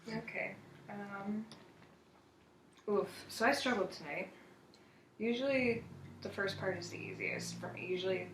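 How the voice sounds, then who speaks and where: A woman's voice: mid-range voice, unhurried, pauses often, roomy sound, background noise. A woman earnestly sharing a thoughtful evening prayer reflection at home. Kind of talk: casual spoken reflection. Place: home at night.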